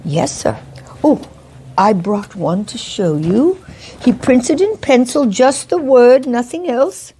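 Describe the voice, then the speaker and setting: Mrs. Warren, high anxious Victorian landlady played by a woman. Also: expressive, slow pace, mellow, slight background noise. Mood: anxious, deferential. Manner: stammering, nervous, deferential. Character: anxious, deferential Victorian landlady, poor and frightened. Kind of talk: dramatic role-play of a Victorian mystery.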